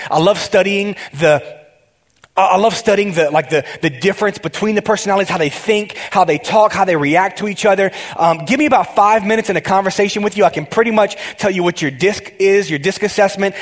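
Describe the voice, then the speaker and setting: A male pastor preaching a conversational sermon, excitable and talking straight to his congregation, often restarting his sentences. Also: high voice.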